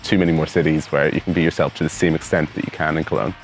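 A young adult man from Northern Ireland, an exchange student, answers interview questions enthusiastically in an outdoor courtyard, repeating words as he goes. He has a very deep voice with fairly even intonation and talks very fast, recorded on a lapel mic with faint music behind.

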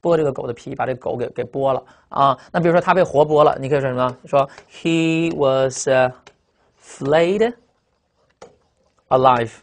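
A vocabulary teacher, delivering a recorded lecture at a rapid clip. The speech is emphatic and punchy, with drawn-out particles closing many phrases. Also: medium pitch, gravelly.

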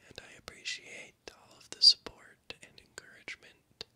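A man in his thirties whispers a gentle ASMR ramble very close to a binaural mic, haltingly, moving from ear to ear. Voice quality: soft unvoiced whisper. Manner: gentle, encouraging. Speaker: ASMR channel host. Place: small room indoors at night. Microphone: binaural microphone, very close.

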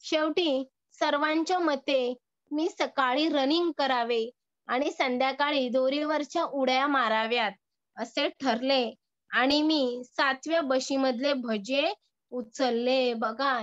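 A woman's voice: sits high, steady tone, slow, no room sound, dull audio. A woman teacher with a Marathi accent, reading lines from a story and explaining each one to her class with rhetorical questions. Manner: reads a line, then explains it in plain words with rhetorical questions. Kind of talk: explaining a textbook lesson to a class.

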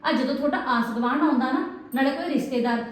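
An actress playing a discontented young bride who insistently complains and demands things. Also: female voice, high voice, fast, echoey room, natural voice. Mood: demanding. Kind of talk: village family drama acting.

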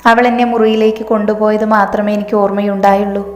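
A woman reading the lines of a frightened young woman who speaks haltingly and stammers, in an echoey room with a long reverb. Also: mid-range voice, level tone, darkish tone, lightly acted.

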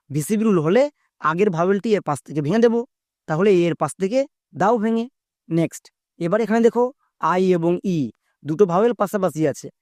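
A man teaching English pronunciation in a spoken video lesson, breaking words down step by step and putting quick questions to the viewer. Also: sits high, darkish tone, no room sound, studio quality.

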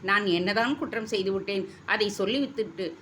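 A woman's voice: mid-range voice, fairly bright tone, a little hiss or hum, voice pushed up, lightly acted. A woman voicing a young warrior prince. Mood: earnest. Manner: measured, teasing, then pleading. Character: young warrior prince, mocking then tender. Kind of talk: storybook reading.

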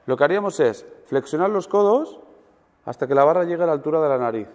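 A man coaching a weightlifting seminar group, animated and demonstrative, checking in with his listeners after almost every point. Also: a little high, fast talker. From Spain. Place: large gym hall. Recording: long gym reverb.

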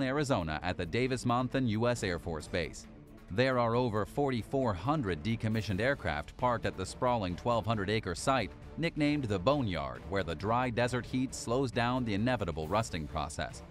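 A man reading a scripted documentary narration in an even, measured countdown style, over faint music. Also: on the low side. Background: faint background music.

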